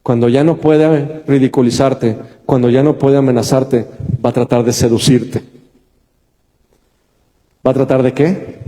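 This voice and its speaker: Male Mexican pastor, warm and slightly high, sermon with a story, big church reverb. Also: steady tone, a little slow, pauses often. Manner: storytelling, talks to the congregation directly. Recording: long reverb of a large church.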